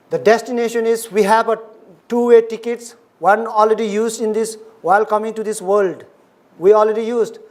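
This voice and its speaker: A Buddhist lecturer speaks in a middle pitch. The talk comes in short, plain, repeated phrases, steady and earnest, like a dharma class. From Nepal.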